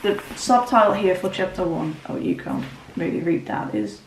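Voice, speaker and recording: Speaking in a low-ish, very animated voice at a normal speed, a Dutch-native book vlogger chats casually to camera, rambling and frequently restarting with ums. Behind her there's a roomy echo, faint ambience and a little hiss or hum.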